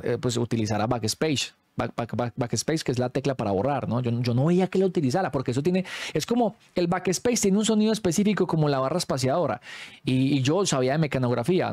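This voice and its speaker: A Colombian man telling a story in a casual, animated way, full of street slang. His voice is dark and mellow, at an ordinary pitch, and recorded close and dry. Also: no room sound.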